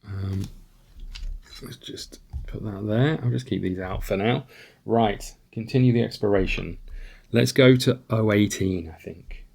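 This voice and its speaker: A man's voice: lowish voice, a little slow, creaky, a little mellow, breathy edge. A man casually playing a solo board game, reading out rules and thinking aloud as he checks his moves. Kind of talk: casual tabletop playthrough.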